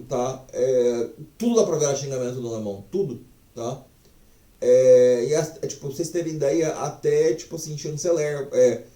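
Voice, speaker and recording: A man's voice: mid-range voice, warm tone, reverberant, recorded from a distance. A man teaching a casual online language lesson, chatty and profane, full of fillers.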